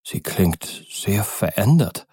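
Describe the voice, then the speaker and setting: A man's voice: sing-song, dark tone, breathy edge, no room sound, clean studio sound, full character voice. Man doing a grave, composed lawyer. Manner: measured, sober, low-pitched.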